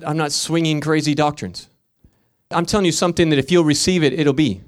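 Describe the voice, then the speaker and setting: Male pastor, fiery sermon delivery, rhythmic repeats, slightly high voice. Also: steady tone, brisk. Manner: impassioned preaching, swinging from loud emphatic peaks to quiet storytelling; repetitive, rhythmic emphasis.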